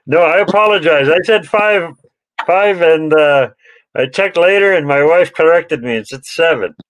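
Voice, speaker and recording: Friendly host guy, ums a lot, slightly high voice, dry close sound. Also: a bit bright, no room sound, poor audio. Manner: friendly, halting, lots of fillers. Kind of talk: live online show hosting.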